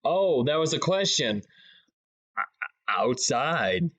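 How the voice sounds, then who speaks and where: A man taking part in a tabletop game over a video call, unhurried and often confused. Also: medium pitch, big pitch swings, a bit bright. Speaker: player. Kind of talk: tabletop role-play chat.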